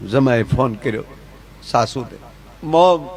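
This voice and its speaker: A man's voice: on the high side, lively intonation, normal speed. A man telling folk stories with humor, chatty and jokey, speaking directly to his audience. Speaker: folk storyteller.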